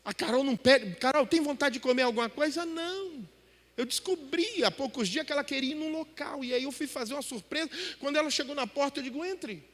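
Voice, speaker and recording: A man's voice: very high voice, lively intonation, a little fast, a bit bright. A middle-aged man preaching a sermon in a church, talking animatedly and asking the congregation rhetorical questions. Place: church hall. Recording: long hall reverb from a church.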